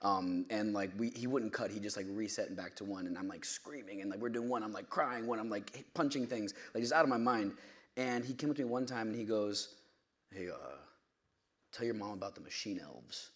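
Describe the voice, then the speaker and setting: Hombre titubeante de unos treinta años. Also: male voice, on the low side, a little fast, a bit bright. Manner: rambling, hesitant, laughs self-consciously. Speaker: actor guest. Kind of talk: live podcast interview. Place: theater stage before a live audience.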